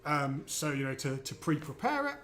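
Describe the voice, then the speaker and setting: A man walking through software in a casual livestream demo, relaxed and easygoing in his explanations. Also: a little high, normal speed. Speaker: guest presenting software.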